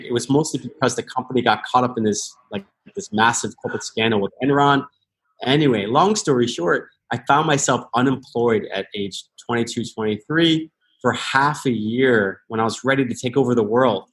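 A man's voice: mid-range voice, moderate pace, a bit bright. An American man in his thirties, a podcast guest, talking earnestly and thoughtfully, often restarting his sentences. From United States. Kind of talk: reflective interview talk.

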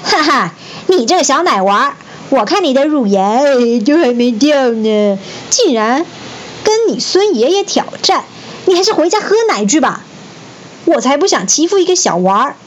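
A woman's voice: a little high, animated, normal speed, dull audio, slight background noise, lightly acted. Woman voicing Sun Wukong, brash monkey king. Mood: mocking. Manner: boastful, scornful.

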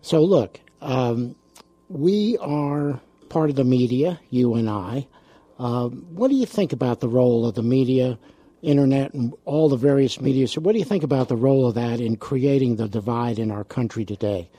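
A man hosting a radio talk show, speaking in a relaxed way with frequent ums and uhs. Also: medium pitch, normal speed, no room sound.

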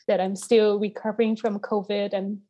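A woman scholar who speaks natively, giving an interview in a hoarse voice while still recovering from an illness, telling her story in a thoughtful, measured way. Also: medium pitch, level tone, dark tone, dull audio. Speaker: guest scholar. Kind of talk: conversational interview.

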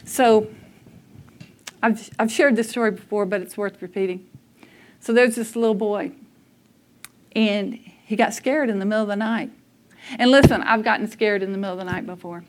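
A woman's voice: mid-range voice, moderate pace, pauses often. A woman preaching a conversational sermon, telling personal stories candidly and laughing at herself. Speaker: speaker at a church service.

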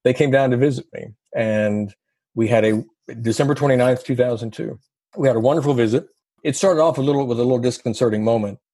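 A man recounts his past in a husky voice, recorded close and dry. He tells it with a wry, self-deprecating humor and easy laughter, in a relaxed interview. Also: mid-range voice, quick pace, dry recording. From American South. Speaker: guest. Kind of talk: conversational storytelling interview.

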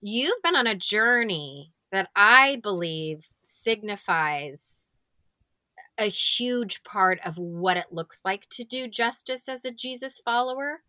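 A woman's voice: mid-range voice, animated, slow, no echo. A woman hosting a faith podcast, introducing her guest and affirming her with frequent murmurs. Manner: warm affirming, frequent mm-hmms. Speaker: podcast host. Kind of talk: interview introduction.

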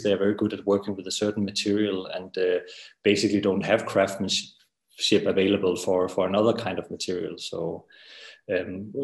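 A man's voice: lowish voice, roomy sound. A man from Denmark with a Danish accent, speaking as an architect guest in an interview, hesitant with many fillers and repeated words. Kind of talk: interview conversation.

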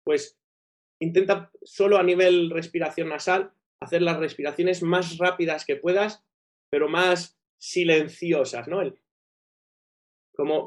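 A man with a broken, operated nose and a nasal dilator, explaining things enthusiastically as an interview guest, often checking in with tag questions. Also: on the high side. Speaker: guest breathing coach.

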